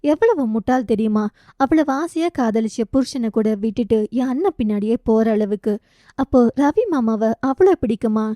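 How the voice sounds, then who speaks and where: A woman narrates a romance novel as an audiobook. Her voice sits a little high with a mellow softness, and she reads in an expressive, conversational way, recorded dry and close. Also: normal speed, no room sound.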